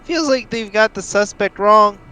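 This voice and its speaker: A man's voice: high voice, measured pace, a crowd in the background. A man reading the part of a young male dog student in an amateur script reading, in a matter-of-fact voice. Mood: worried.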